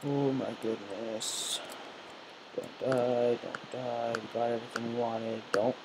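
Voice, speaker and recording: A teenage gamer narrates his own video game session in a slow, gravelly, mid-range male voice, muttering nervously and jittery to himself as he plays. The let's play commentary comes from a room in a family home, with steady hiss in the background.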